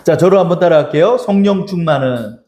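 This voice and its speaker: In an echoey church sanctuary with crowd noise, a male pastor exhorts his congregation, speaking to them as if he were God. His voice runs high, with lively intonation and a fairly quick pace.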